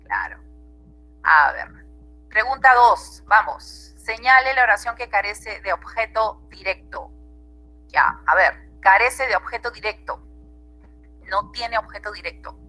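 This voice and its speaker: A woman's voice: medium pitch, expressive, a little slow, bright, forceful tone, faint music behind, poor audio. A woman teacher with a Peruvian Spanish accent, giving an online grammar class and checking in with her students often.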